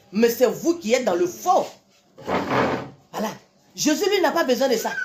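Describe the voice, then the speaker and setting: Woman, fiery preaching rant, repeats herself, higher voice. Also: darkish tone, a little hiss or hum. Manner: scolding, repetitive, rhetorical questions, frequent "hein". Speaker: self-styled preacher. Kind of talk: impassioned religious tirade.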